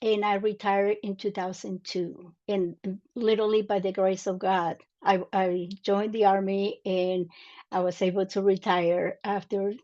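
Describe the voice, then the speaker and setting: A woman's voice: mid-range voice, flat delivery, measured pace, warm tone, lo-fi sound. A woman in her sixties from Mexico, a native Spanish speaker, earnestly telling her story as an interview guest with many fillers and restarts. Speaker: guest, Army veteran.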